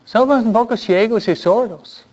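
A man preaching a sermon, animated and repeating phrases for emphasis. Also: high-pitched, normal speed, muffled recording.

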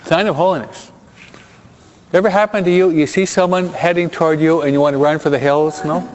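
A man's voice: fairly high pitch, fairly even intonation, brisk, a little hiss or hum. A man preaching a sermon in a chatty way, often checking in with his listeners and dropping Spanish words into his English. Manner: conversational, keeps checking in with the listeners. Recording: dull sound with long hall reverb.

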